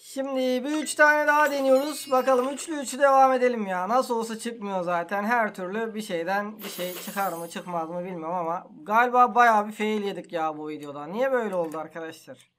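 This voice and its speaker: Exasperated high-voiced gaming host. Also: male voice, brisk, a bit bright, slight background noise. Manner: exasperated, complaining, slangy. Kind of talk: casual gameplay commentary.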